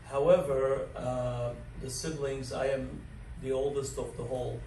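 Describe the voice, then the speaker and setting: Here the Moroccan man in his sixties, a dining director, speaks slightly slowly in a mellow, mid-range voice with little pitch movement. He rambles through his life story for an interview, laughing frequently and filling gaps with many fillers, in an echoey learning center room picked up from afar with faint noise.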